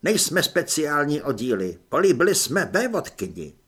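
A man voicing a keen, clever young soldier in an audiobook, explaining his ideas eagerly and quickly. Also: fairly high pitch, very animated, a bit bright, breathy edge, heavily acted. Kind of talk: audiobook character voice.

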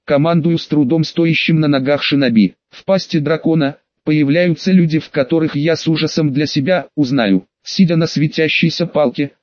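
A man giving first-person audiobook narration at an unhurried storytelling pace. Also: on the high side, a little mellow, dry recording, dull audio. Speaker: audiobook reader.

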